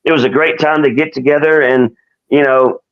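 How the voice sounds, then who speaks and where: A man's voice: on the high side, steady tone, moderate pace. Profane laid-back man on dull lo-fi audio. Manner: profane, filler-heavy, laid-back talk. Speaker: guest. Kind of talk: casual chat.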